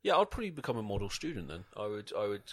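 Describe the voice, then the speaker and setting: A young man with a fairly low voice co-hosts a laid-back podcast. His pitch swings extremely widely as he jokes and acts out little scenes. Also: sing-song, racing, breathy edge, dry recording, studio quality. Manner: crude joking, acts out scenes in put-on voices. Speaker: podcast co-host. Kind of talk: casual chat.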